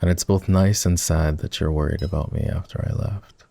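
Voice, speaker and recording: This ASMR boyfriend roleplay is an intimate scripted monologue in which a man plays a regretful, tender ex who has become the listener's boss at work. He speaks in a mellow, husky, gravelly low voice, softly and hesitantly, as though confessing, with a gently teasing mood. His intonation is fairly even and the performance is heavily acted.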